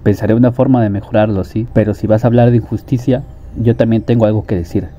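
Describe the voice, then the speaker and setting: A man's voice: fairly low pitch, steady tone, fast talker, dark tone, a little hiss or hum, natural voice. A man reading a fretful, emotional young man. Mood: earnest. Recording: dull lo-fi audio.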